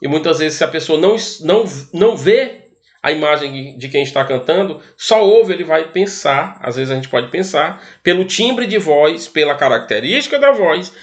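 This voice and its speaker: A man's voice: a little high, animated, normal speed. A man with a Brazilian Portuguese accent teaching an arts lesson, explaining step by step and often asking the class rhetorical questions. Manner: explanatory, asks rhetorical questions, frequent tag questions.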